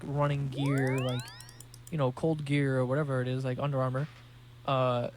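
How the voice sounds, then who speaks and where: A man's voice: on the high side, a little hiss or hum. A young man hosting a podcast, telling rambling, profane, jokey stories in a casual monologue. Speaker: podcast host.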